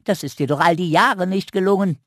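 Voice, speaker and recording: A bold little squirrel who scolds with a brisk, sharp tongue, as a male reader puts her on. The voice is pitched high and bright. It is a children's storybook reading with a dry, close sound. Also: no room sound. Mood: mocking.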